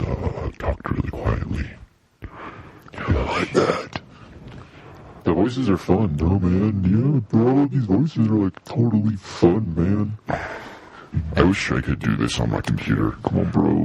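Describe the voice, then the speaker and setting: A man talking through a voice changer that makes him sound like a deep, demonic creature, goofing around in casual chat. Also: animated, takes it slowly, creaky, pauses often, mellow, husky. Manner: goofy, playing around with the voice changer. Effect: deep demonic voice-changer filter.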